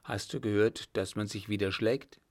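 A man voicing a confident young lieutenant in a calm, assured way, in a storybook reading. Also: lowish voice, normal speed, natural voice.

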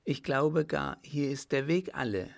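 A plaintive young French lady, read by a man raising his voice for her. She sounds pouting and a little fretful, with a gravelly undertone. The storybook delivery is slow and unhurried. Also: medium pitch, voice pushed up. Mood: frightened. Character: spirited young French lady, lost in woods.

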